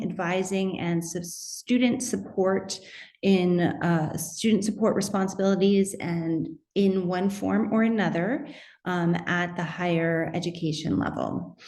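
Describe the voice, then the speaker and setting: A middle-aged woman giving a conference presentation on her research, methodical and measured, with occasional fillers and restarts. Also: medium pitch, darkish tone. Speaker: academic researcher presenting at a symposium. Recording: roomy echo.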